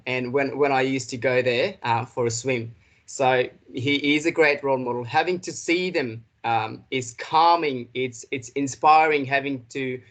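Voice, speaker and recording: A male presenter talking through a training session, halting often with ums and uhs and restarting his sentences. His pitch sits in an ordinary middle range. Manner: hesitant, many fillers and restarts. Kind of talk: professional development talk.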